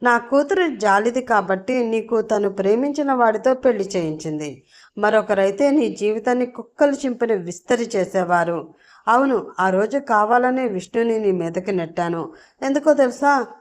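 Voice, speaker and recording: A woman's voice: a little high, expressive, normal speed, close to an everyday voice. A woman voicing a scheming, mocking wealthy woman villain in an audio story, speaking in a taunting, scornful way. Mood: spiteful.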